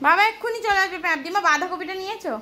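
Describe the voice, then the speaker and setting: A woman's voice: very high voice, racing, sharp tone, a little hiss or hum. A young woman from Kolkata with a Kolkata Bengali accent, talking casually and soothingly to her baby at home. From Kolkata, West Bengal, India. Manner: coaxing, soothing, repetitive talk to her baby. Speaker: vlogger and mother. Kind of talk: casual home vlog talk. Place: family home.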